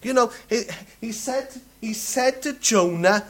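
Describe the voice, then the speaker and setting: Slow-paced male preacher, repeats himself, leans on rhetorical questions. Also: extremely high pitch. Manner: restarts and stumbles over words. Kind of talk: sermon.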